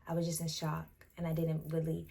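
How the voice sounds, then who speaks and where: A woman's voice: low voice, creaky, breathy edge. A teenage woman answering viewer questions in a casual, matter-of-fact vlog chat. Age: teens. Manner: relaxed, drawn-out, matter-of-fact. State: out of breath. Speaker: vlogger.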